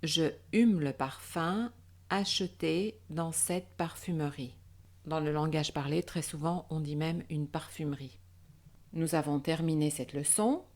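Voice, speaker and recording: A woman teaching French nasal vowels, saying words slowly and breaking them into syllables. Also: deep voice, a little mellow. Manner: slow, deliberate, syllable by syllable. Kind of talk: slow pronunciation drill.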